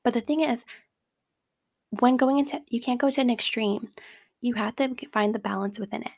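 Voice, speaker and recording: A woman's voice: a little high, normal speed, gravelly. A woman hosting a casual advice talk, speaking in a chatty way with lots of fillers like "like.". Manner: acts out quoted remarks in a brighter voice. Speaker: host giving advice.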